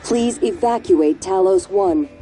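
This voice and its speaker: Calm station computer voice. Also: female voice, a little high, creaky, exaggerated voice. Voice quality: even, measured, impersonal. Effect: computer announcement voice. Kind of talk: video game voice acting. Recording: game audio with loud music. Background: game music.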